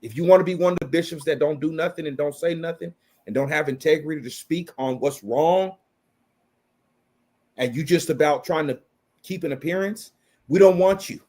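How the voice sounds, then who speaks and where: Fired-up, higher-voiced man ranting bluntly. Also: moderate pace, darkish tone. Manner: blunt, profane, emphatic repetition. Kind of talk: impassioned opinion rant.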